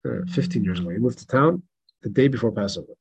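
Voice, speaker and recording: A man, a rabbi, teaching a Passover class with animated, emphatic repetition and stories. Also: fairly low pitch, fast, gravelly, breathy edge, highs cut off. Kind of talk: Passover class reading and storytelling. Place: synagogue in El Paso.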